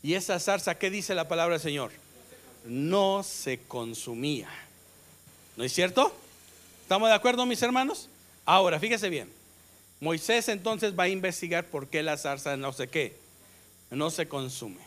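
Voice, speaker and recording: A man with a Mexican Spanish accent preaching a sermon, stressing his words and asking the congregation questions for them to answer back. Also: high-pitched. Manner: call-and-response questions to the congregation; slow, emphatic delivery with sudden loud rises. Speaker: pastor.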